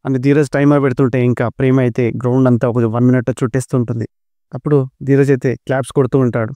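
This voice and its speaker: A man quickly retelling a TV serial episode as narrator. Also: mid-range voice, flat delivery, warm tone, no echo. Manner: rapid storytelling.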